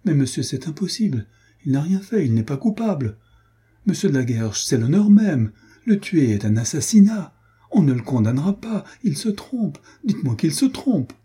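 Give me a man voicing a desperate young noblewoman in a storybook, pleading in a high, strained, husky voice. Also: animated, fairly quick, warm tone.

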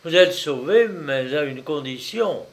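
A man reading an arrogant, scornful middle-aged admiral with a cold, stern, forceful delivery in an audiobook. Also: fairly high pitch, a little slow.

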